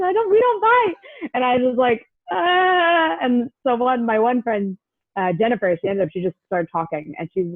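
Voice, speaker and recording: A young woman tells a story in a loose, chatty way, filling it with "like" and acting out what others said. The sound is thin and tinny, as if over a phone line, with no room echo. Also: medium pitch. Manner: chatty, many "like" fillers, acts out quotes. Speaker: guest. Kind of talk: casual storytelling.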